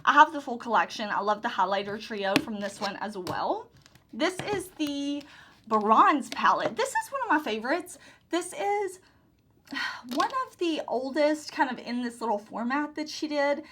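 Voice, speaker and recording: Still hoarse as her voice comes back, this beauty YouTuber happily gushes over her makeup collection in a casual product rundown, leaning on pet phrases. She sounds high, bright and forceful, unhurried, with lively intonation and slight background hiss or hum.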